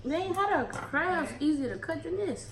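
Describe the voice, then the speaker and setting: A woman's voice: very high-pitched, expressive, moderate pace, crowd noise. A young woman hosting a mukbang, chatting casually and joking in slang while she eats. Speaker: mukbang host. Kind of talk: casual chat while eating. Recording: echoey room with loud noise.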